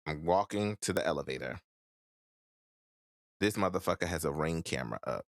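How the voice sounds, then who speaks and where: A man's voice: extremely low pitch, animated, moderate pace, no echo, studio quality. A man hosting a casual podcast chat, ranting emphatically and swearing freely. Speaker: podcast host.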